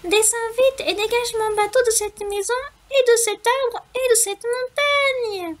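A woman voicing a tiny excited boy mouse with a squeaky, shrill voice, calling out urgently. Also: measured pace.

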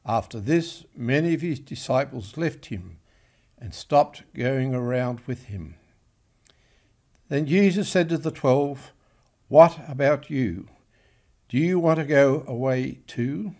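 An older man reads scripture at a very deliberate, slow pace. His delivery is solemn and liturgical, spoken into a lectern microphone in a small chapel. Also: medium pitch, a little mellow. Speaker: clergyman reading the Gospel. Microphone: gooseneck lectern microphone.

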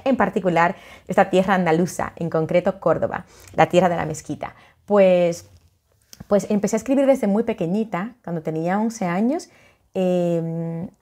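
A middle-aged woman from the Dominican Republic, an author who talks warmly and chattily into a webcam at home, with many fillers and restarts. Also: fairly low pitch. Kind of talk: casual video greeting. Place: home living room, indoors.

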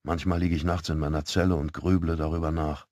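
A man narrating a first-person audiobook in a calm, measured storytelling manner. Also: very deep voice, no room sound, clean studio sound.

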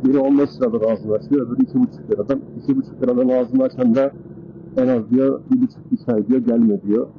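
Riding through town, this man keeps up a fast, fairly even-toned stream of casual commentary and mumbled asides in a mid-range voice. The AirPods tucked under his helmet give a muffled pickup, with loud road, engine and traffic noise behind him.

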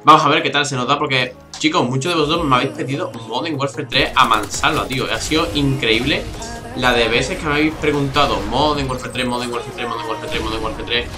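A young Spanish man from Spain talks over his shooter gameplay, grumbling and swearing at campers. He keeps his voice low and restrained. Game music plays clearly behind him. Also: fairly quick. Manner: chatty, exasperated, swears often; keeps voice down, not shouting. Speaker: gaming YouTuber. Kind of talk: gameplay commentary. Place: home room, early morning.

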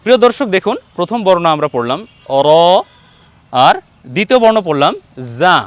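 A man teaching Arabic letter sounds in an online lesson, patiently repeating each letter slowly for viewers to copy. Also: sits high, sing-song, no room sound. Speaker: Quran teacher.

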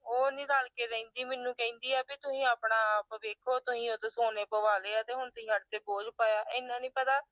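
A high, pleading young daughter, played by a woman, upset over money and leaning on her parents. Her voice comes through dull and muffled, with a dry, close sound. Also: steady tone, brisk, hardly any pauses, dry recording, close to an everyday voice. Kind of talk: family web drama acting.

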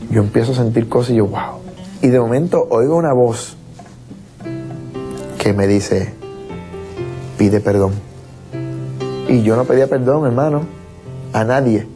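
A former merengue singer with a medium-pitched voice gives an emotional personal testimony at a normal speed, taking long pauses, with music in the background. He repeats words and acts out the things he said back then.

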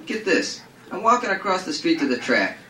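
In a live reading, a man with a slightly high voice, talking at normal speed, plays a brash, foul-mouthed racetrack gambler spinning an excited, amused yarn in streetwise slang. The acted monologue is picked up by a distant mic in a roomy space with faint noise.

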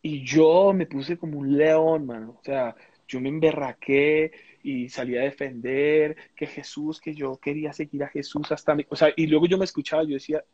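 A man recounts his personal experience as a guest on a live interview. His voice sits somewhat high, and he pauses, searches for words and restarts often. The audio is dry and a little muffled, like a live-stream feed. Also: fairly even intonation, darkish tone, no room sound. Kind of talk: casual testimony in a live interview.

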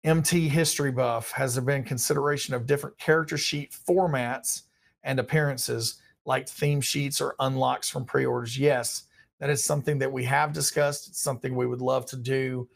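This thirties-aged man, his voice half worn out, runs a relaxed live Q&A from a small, dim indoor room. He speaks in a mid-range voice with vocal fry, keeping a moderate pace and fairly level intonation as he reads viewer questions and wanders through casual answers.

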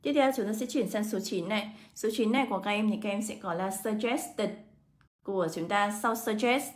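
A woman English teacher, walking students through exam answers step by step and slowing down to read English words aloud. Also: mid-range voice. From Vietnam. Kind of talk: exam answer walkthrough lesson.

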